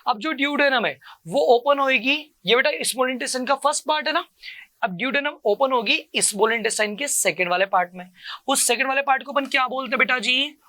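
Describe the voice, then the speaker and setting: A male coaching teacher giving a lecture. He asks each question, answers it himself in a lower voice, and repeats every term to drill it. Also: brisk, bright, forceful tone, dry recording. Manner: keeps calling the listener "beta" and repeats each term. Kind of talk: classroom lecture with call-and-response drilling.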